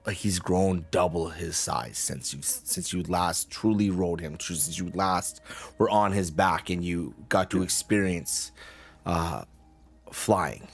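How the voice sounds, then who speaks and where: A man improvising narration as the game master of a tabletop game, describing scenes in a halting way. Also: deep voice, vocal fry, breathy edge.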